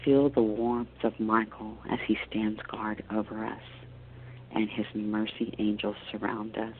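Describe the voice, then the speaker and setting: A man leading a guided meditation as a spiritual teacher, giving slow, counted deep-breath instructions in a hushed, soothing, measured way with long pauses. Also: little pitch movement, a little hiss or hum. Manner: soothing, hushed, measured delivery with trailing soft phrase endings. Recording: dull lo-fi audio with soft music. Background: soft meditation music.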